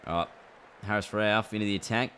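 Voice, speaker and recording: Male streamer, deep voice, chatty play-by-play over a game, steady background noise. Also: brisk. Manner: chatty, reacts aloud to the game and answers chat. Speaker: gaming streamer. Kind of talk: casual livestream chat while playing.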